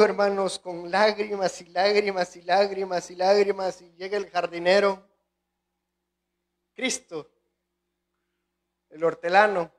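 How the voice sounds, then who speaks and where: A man with a Salvadoran accent preaching a sermon with impassioned delivery, often calling out to the congregation. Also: high voice. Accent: Salvadoran Spanish. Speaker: guest pastor.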